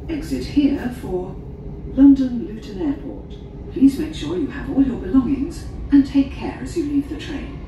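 Woman, automated train announcer, bright sing-song delivery, loudspeaker in a rumbling carriage. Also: a little slow, long pauses. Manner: clipped, even recorded phrasing. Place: inside a moving train. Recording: echoey loudspeaker from far off. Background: train rumble and carriage noise.

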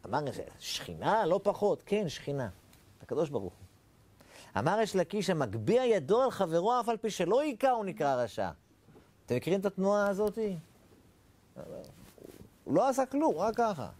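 A man's voice: high voice, very animated, long pauses, a little mellow. A man teaching a Torah lesson as a rabbi, speaking animatedly with rhetorical questions and little acted-out dialogues. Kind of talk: Torah lecture.

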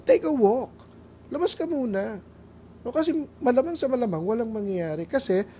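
A middle-aged Filipino man delivers a family talk with a lively, swinging pitch. He tells stories, acts out little voices and drops in English phrases. Faint noise hums behind him. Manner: animated storytelling, acting out voices, mixing English phrases. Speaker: lay preacher.

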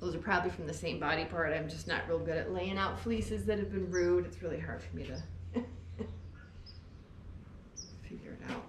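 A woman's voice: on the low side, normal speed, pauses often, a little hiss or hum. A middle-aged woman, a sheep farmer, chatting enthusiastically while she works at a table in a barn, filmed by a camera a few feet away. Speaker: sheep farmer and fleece seller. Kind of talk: casual demonstration while working. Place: indoor barn by a fleece-skirting table. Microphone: camera on tripod a few feet away. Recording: echoey barn with faint ambience.

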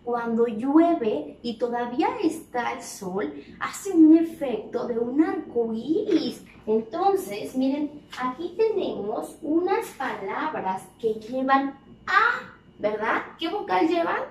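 Preschool teacher, high and bouncy, drags words out super slow, echoey room with a bit of noise. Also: female voice, sing-song. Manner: drawn-out words, sing-song questions. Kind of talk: slow, exaggerated teaching to small children. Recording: echoey room, voice from a distance, faint background noise.

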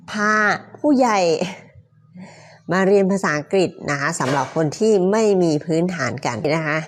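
A woman teacher leading a slow phonics lesson, repeating each sound and word and ending phrases politely. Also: lowish voice. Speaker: pronunciation teacher.

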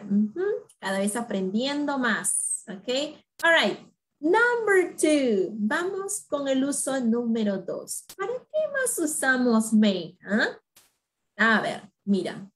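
A woman's voice: fairly high pitch, rough recording. A woman teaching an English lesson online, explaining in Spanish and repeating English examples for learners with frequent check-ins. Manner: repeats phrases slowly for learners.

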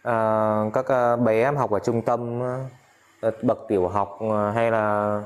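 A Vietnamese-speaking man teaching an English lesson in a casual spoken style, repeating phrases slowly and often turning to his listeners. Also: lowish voice, level tone.

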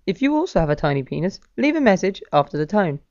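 A brash young braggart who blurts out silly boasts, his pitch swinging up and down as he hurries along, as a man puts him on to mock a friend. The sound is dull and lo-fi. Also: very animated, fast talker, a little mellow.

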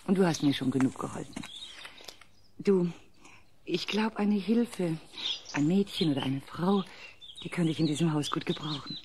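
A woman's voice: on the low side, normal speed, long pauses, noisy background, natural voice. A woman playing a busy, practical mother in an old radio play. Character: busy caring mother of the family. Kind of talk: 1970s radio play acting.

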